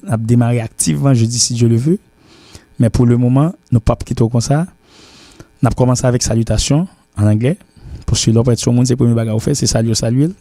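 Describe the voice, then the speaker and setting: A man's voice: medium pitch, mellow, no echo. A man teaching an English lesson, repeating himself and spelling words out letter by letter. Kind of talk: language lesson.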